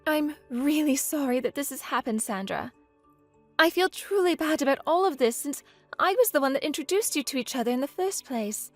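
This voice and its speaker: A woman voicing a guilty, hesitant female best friend in a text-message story, speaking in a lower, apologetic way. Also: lively intonation, normal speed, soft background music.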